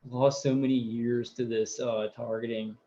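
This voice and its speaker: A man's voice: mid-range voice, flat delivery, normal speed, warm tone. A man in his thirties hosting a casual live stream, rambling through viewer comments with lots of fillers and repeated words. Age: 30s. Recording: dull lo-fi audio.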